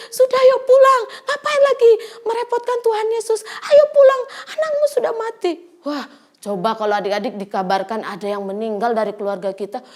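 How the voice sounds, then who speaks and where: Animated high-voiced woman telling children a Bible story. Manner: animated, exclaiming often, addressing the children directly; softens her voice for quoted lines. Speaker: Sunday school teacher.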